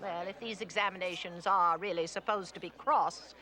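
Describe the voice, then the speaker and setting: A woman's voice: fairly low pitch, steady tone, normal speed, sharp tone. A woman playing an imperious, bad-tempered queen, snapping orders in a theatrical comic fantasy drama. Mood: bossy, cross. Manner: domineering, snapping.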